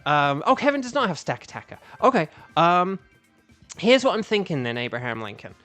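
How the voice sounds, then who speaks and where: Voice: medium pitch, big pitch swings, fairly quick, fairly bright tone. A game streamer with a mid-range voice talks casually to chat in an echoey room. The delivery rambles and repeats itself, with faint music behind it. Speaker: livestream host. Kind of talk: casual gaming livestream chat.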